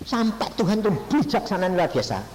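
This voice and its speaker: A middle-aged male evangelist with a Javanese accent preaches a lively sermon. His fairly high voice swings widely in pitch as he tells stories and acts out both sides of a conversation. He keeps turning to his listeners to address them directly. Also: brisk, a little hiss or hum, poor audio. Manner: animated storytelling, acts out dialogues, addresses audience as "saudara".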